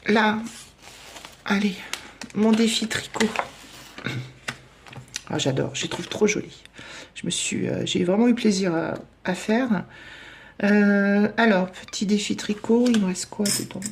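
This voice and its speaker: A woman chatting casually as she fills in savings challenges, hesitating often and counting out loud. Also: mid-range voice, steady tone, unhurried, gravelly, pauses often, noisy background. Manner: chatty, self-deprecating, lots of hesitations and counting aloud. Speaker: budget vlogger. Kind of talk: casual chat while doing savings challenges.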